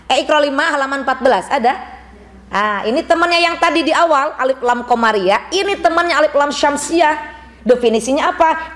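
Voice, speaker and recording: A woman teaching Quran recitation rules to a women's study group in a mosque, quizzing the class as she goes. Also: high voice. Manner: brisk, asks the class questions and drills responses.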